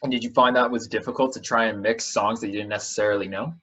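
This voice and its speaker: A man's voice: fairly low pitch, fairly even intonation, fast talker, sharp tone. A man hosting a casual radio interview, easygoing and agreeable. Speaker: radio host. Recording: dull lo-fi audio.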